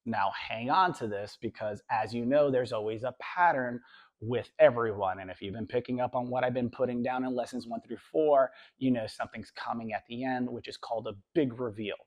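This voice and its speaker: A man with a hoarse, recovering voice, teaching a class in a conversational lecture style and often checking in with "right?". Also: mid-range voice. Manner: conversational, tag questions, drawn-out emphasis.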